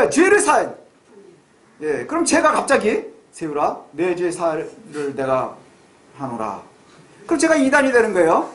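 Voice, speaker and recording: Middle-aged guy pastor giving a sermon in a church, chatty, keeps asking the congregation stuff, big echo. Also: extremely high pitch. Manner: conversational, asks the congregation questions, swings between raised and hushed. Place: church sanctuary. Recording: echoey church room.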